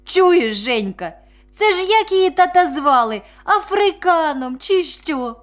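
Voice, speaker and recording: A woman reads this as an eager, cheeky schoolboy in a children's storybook. He is high and bright-sounding. He drags out his words for emphasis and swoops boldly up and down. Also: very animated, a little slow, heavily acted. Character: lively cheeky schoolboy, proud and dreamy.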